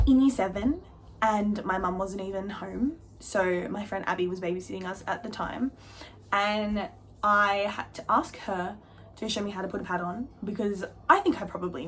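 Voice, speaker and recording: A woman's voice: a bit bright, slight background noise. Chatty young woman, candid storytelling. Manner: chatty and candid, voice jumping up high for emphasis. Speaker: vlogger. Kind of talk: casual storytelling to camera.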